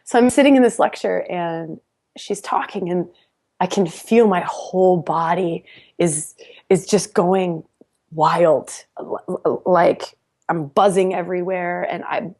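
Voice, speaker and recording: A woman with a lowish voice guests on a podcast, telling a personal story in a casual, animated way. She laughs often and keeps restarting her sentences.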